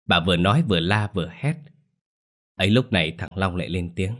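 A man narrating a horror story in a steady, descriptive storytelling manner. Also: low voice, a little fast.

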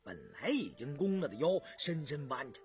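Expressive male storyteller. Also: a little high, normal speed, faint music behind. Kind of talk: dramatic storytelling of a historical novel.

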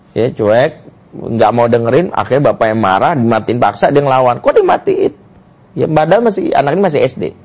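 A man's voice: mid-range voice, a little mellow. A male Islamic lecturer, giving a family lecture and telling stories expressively with frequent "ya".

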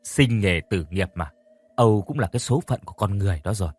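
A rough, brotherly older workmate who consoles bluntly, as a man narrator plays him. Dry, close storybook sound with a lively, shifting pitch. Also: fast, dry recording. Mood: consoling.

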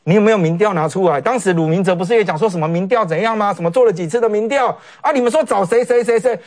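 Speaking fast in a high-pitched voice, a man with a Taiwanese Mandarin accent delivers animated, sarcastic political commentary on a talk show, frequently mimicking what others have said.

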